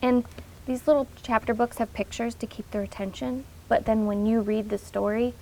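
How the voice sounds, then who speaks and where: A woman's voice: a little high, fairly even intonation, moderate pace, gravelly, dark tone, a little hiss or hum, poor audio. A woman giving an informal, instructional talk to parents, explaining things in an encouraging way.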